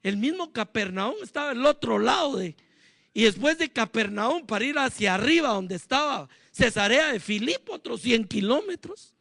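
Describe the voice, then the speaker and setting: High, gravelly-voiced preaching pastor. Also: male voice, lively intonation, normal speed, pushed and bright, dry recording, clean studio sound. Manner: emphatic preaching, rhetorical questions to the congregation. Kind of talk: sermon.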